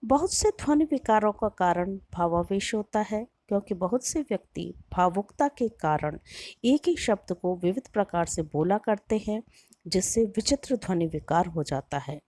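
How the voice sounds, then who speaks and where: A woman giving a university lecture in a slow, measured, explanatory way, drawing out her example words. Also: mid-range voice, expressive, dark tone, no room sound. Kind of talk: recorded lecture.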